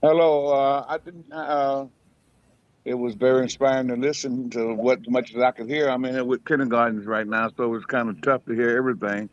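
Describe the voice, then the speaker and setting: An older man, the founder, speaking over a video call, halting and proud with many fillers. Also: mid-range voice, fairly even intonation, no echo. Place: school room with small children. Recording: muffled dry video-call audio.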